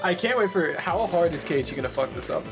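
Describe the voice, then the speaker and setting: A woman's voice: lowish voice, animated, fast talker, over loud music. A woman chatting casually through a group game playthrough and reading narration aloud, with playful, sweary banter.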